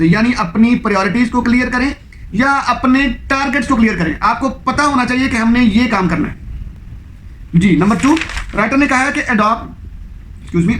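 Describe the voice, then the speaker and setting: A man's voice: extremely high pitch, fairly bright tone, reverberant, slight background noise. A man presenting a book summary as an informal lecture, explaining in plain terms and often checking in with the listener.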